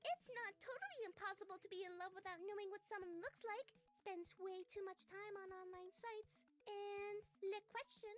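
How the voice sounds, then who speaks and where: A woman's voice: very high-pitched, normal speed, hardly any pauses. A woman voicing a playful, teasing fifteen-year-old girl read from old chat logs. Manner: playful, teasing, self-mocking.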